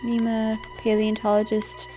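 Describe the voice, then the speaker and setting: High-voiced giggly woman streaming a game. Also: measured pace, faint music behind. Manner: giggly, excitable, often squeals; reads game text aloud. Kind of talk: casual gameplay commentary.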